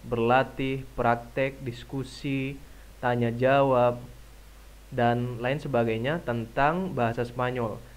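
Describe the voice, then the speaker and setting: A man with an Indonesian accent teaching a language lesson, saying words slowly and repeating them for learners to echo. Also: mid-range voice. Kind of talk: slow, drilled language lesson.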